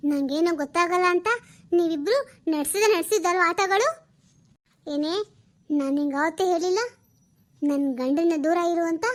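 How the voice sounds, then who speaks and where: A woman voicing a jealous, sharp-tongued young wife in an animated drama, scolding and accusing. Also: extremely high pitch, normal speed, pauses often. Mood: furious.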